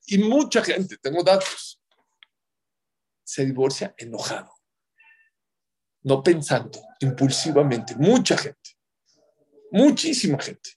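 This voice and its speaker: Giving religious marriage advice to an audience, he has a slightly mellow, husky voice. He delivers it emphatically, numbering his points and acting out quotations in abrupt, high outbursts.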